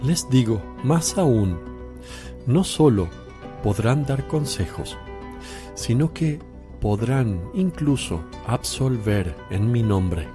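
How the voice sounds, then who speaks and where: Slow, solemn Jesus teaching. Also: male voice, medium pitch, expressive, over music. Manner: solemn, deliberate, measured teaching. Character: Jesus, a calm, solemn teacher addressing his disciples. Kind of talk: religious radio drama.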